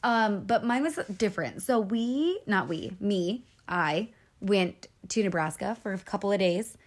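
A woman's voice: mid-range voice, animated, unhurried. A woman in her thirties co-hosting a podcast, telling candid stories in casual chat. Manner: chatty, candid storytelling with fillers. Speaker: podcast co-host.

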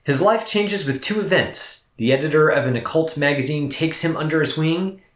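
A man co-hosting a film review podcast, speaking in a measured, lightly joking way. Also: fairly high pitch, a bit bright, roomy sound. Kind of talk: casual podcast chat.

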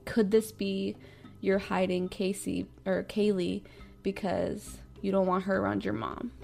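A woman's voice: medium pitch, flat delivery, measured pace, vocal fry, warm tone, soft background music. A woman quoting a stern male detective who plays the bad cop and presses hard for answers. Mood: coaxing. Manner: pressing, demanding.

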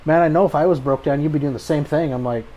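A man's voice: fairly high pitch, fast talker, warm tone. An American man hosting a podcast in a casual chat, with an easygoing, folksy good ol' boy way of talking. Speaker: podcast host.

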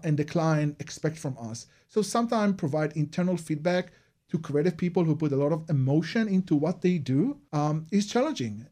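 His voice is on the high side and mellow. As a radio interview guest, the Israeli-accented head of an advertising and PR agency earnestly lays out how his craft works, in non-native phrasing.

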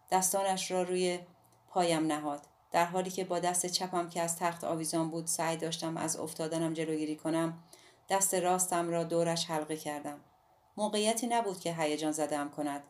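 Female audiobook narrator, calm and even, lowish pitch.

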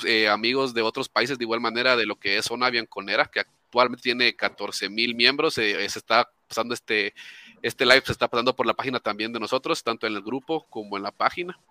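A man's voice: mid-range voice, fairly quick, bright, forceful tone, no echo. A man from Nicaragua, a guest founder of fan groups, telling his story in casual podcast chat with many fillers and restarts. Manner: talkative, hesitant with many fillers.

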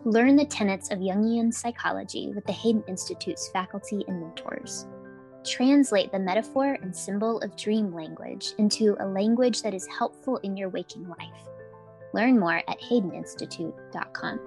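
A woman co-host reads scripted podcast copy in a medium-pitched voice. There is music behind her. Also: moderate pace, darkish tone. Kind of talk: scripted sponsor read and introduction.

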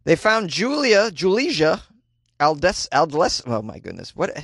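A man's voice: high-pitched, wildly swooping pitch, moderate pace, vocal fry, fairly bright tone, slightly rough, dry recording, studio quality. A man hosting a casual comedy podcast from a small closet, commenting on news in a sarcastic, self-deprecating way. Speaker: podcast host.

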